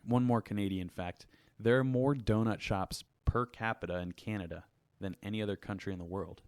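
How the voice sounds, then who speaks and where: A man's voice: lowish voice, a little fast, a little mellow, no echo. A man co-hosting a podcast, trading jokes and playful banter on a studio microphone. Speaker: podcast co-host. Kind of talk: casual chat.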